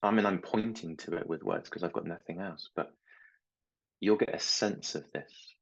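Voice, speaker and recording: A middle-aged man and mindset coach talking slowly and reflectively, telling small stories about his children. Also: low voice, gravelly, dull audio. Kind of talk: reflective talk to camera.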